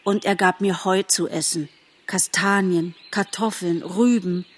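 Woman doing a proud young deer bragging in a storybook, slow solemn telling, bit husky voice. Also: lowish voice, steady tone. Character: young male deer, boastful and earnest.

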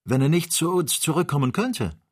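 A man reading an audiobook, voicing an excitable young male servant who talks eagerly and anxiously. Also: fairly high pitch, normal speed, breathy edge, pitched above the performer's own voice. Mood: worried. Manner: eager, worried, bursting with excitement. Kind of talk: audiobook character voice.

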